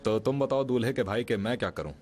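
A man's voice: mid-range voice, fast talker, a little mellow, lightly acted. An actor dubbing a wealthy young businessman in a drama. He teases playfully but turns curt when he gives orders. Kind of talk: dubbed drama acting.

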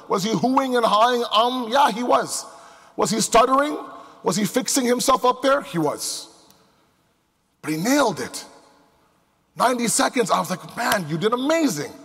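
A male preacher with a high, slightly bright and husky voice gives a sermon to a live congregation. He speaks emphatically, using rhetorical questions and repetition. The large indoor hall full of people gives the recording a long, echoing reverb.

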